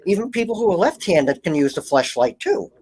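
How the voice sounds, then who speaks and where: A man joking in crude casual banter in an online voice chat, with deadpan one-liners and giggles. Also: high voice, a little fast, slightly rough.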